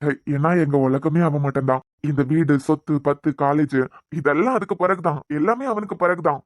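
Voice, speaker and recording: A man voicing a caring, anxious middle-aged father in a cartoon serial, speaking with a Kanyakumari Tamil accent in a soft, fatherly way. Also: a little high, brisk, dry recording, clean studio sound, close to an everyday voice. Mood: gentle.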